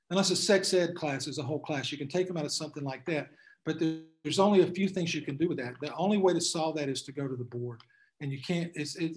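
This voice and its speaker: A man speaking to a class, answering questions in a folksy, emphatic storytelling way. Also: fairly high pitch.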